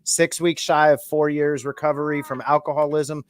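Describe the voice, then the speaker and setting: A man in his thirties, a podcast guest, telling his story in a candid, measured way with many fillers. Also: a little high, little pitch movement, no room sound, studio quality. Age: 30s. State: holding a baby on his lap. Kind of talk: casual chat.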